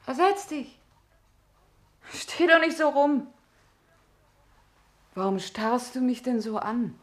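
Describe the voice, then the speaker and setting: Chattering condescending woman, high lively voice; radio drama. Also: slow. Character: fussy woman, chattering, condescending, then frightened. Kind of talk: 1960s German radio drama acting.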